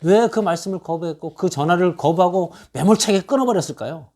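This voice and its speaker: Here the preacher talks a little fast in a high-pitched yet dark voice. Reading scripture verses during his expository sermon, he leans on rhetorical questions and repeated lists to push his point.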